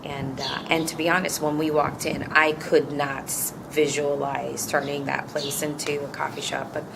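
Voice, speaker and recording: Her low voice keeps a level tone at a moderate pace, creaky in texture, with a noisy background behind it. She is a Turkish-born coffee company co-founder in her fifties, earnest and reflective in interview, repeatedly restarting what she says.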